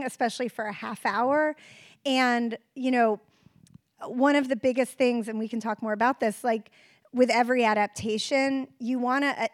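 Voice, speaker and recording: A woman's voice: fairly high pitch, no echo, clean studio sound. A woman in her forties who adapted a book into a series, talking reflectively in a conversational interview. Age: 40s.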